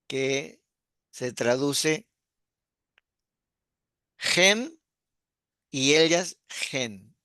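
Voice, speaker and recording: Patient man teaching, bright dry voice. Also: on the high side, dry recording. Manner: patient, explanatory, repeats words slowly. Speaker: pastor teaching a Hebrew class. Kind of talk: online class lesson.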